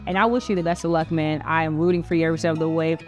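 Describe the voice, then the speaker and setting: A woman's voice: deep voice, steady tone, very fast, soft background music. A young woman hosting a casual dinner-table interview, upbeat and chatty, with lots of slang. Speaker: host.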